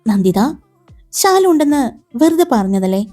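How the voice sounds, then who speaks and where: A woman's voice: sits high, very animated, moderate pace, faint music behind. A woman voicing a teasing young lover. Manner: playful, commanding, soft.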